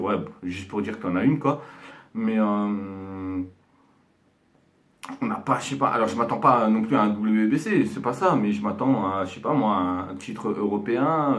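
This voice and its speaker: Rambling casual man talking boxing. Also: fairly low pitch. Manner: loose and rambling, many fillers and slang, gets animated describing punches. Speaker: boxing commentator reacting to a fight. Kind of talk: casual talk to camera.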